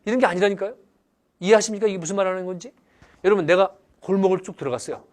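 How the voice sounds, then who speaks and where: A man's voice: high voice, very fast. A man teaching English grammar in a lecture. He acts out examples theatrically and keeps asking the class whether they understand. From Korea. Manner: lively, theatrical, asks the class questions often. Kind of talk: animated lecture with acted-out examples.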